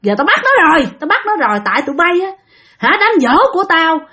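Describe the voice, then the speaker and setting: Woman doing shrill high ghost of an old uncle, threatening, keeps repeating himself, spooky story. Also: big pitch swings, quick pace, bright, forceful tone, exaggerated voice. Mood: menacing. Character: vengeful spirit of an old great-uncle possessing a woman, menacing.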